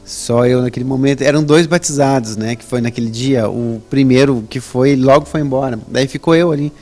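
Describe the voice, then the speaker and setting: A man's voice: a little fast, faint music behind. Man telling his testimony. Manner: conversational, tags sentences with "né?"; lively storytelling with rising pitch on emphasis. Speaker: interview guest. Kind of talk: personal religious testimony.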